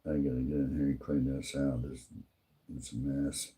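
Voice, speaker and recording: While fixing a lighter on his live stream, a man mutters half to himself, slow and plain-spoken, as casual commentary. He has a dark bass voice with little pitch movement.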